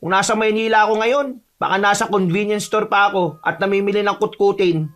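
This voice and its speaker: A man's voice: sits high, steady tone, brisk, a bit bright. A man voicing a jumpy, easily scared young man from the city in an audio horror story. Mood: calm. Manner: nervous, whiny and fearful.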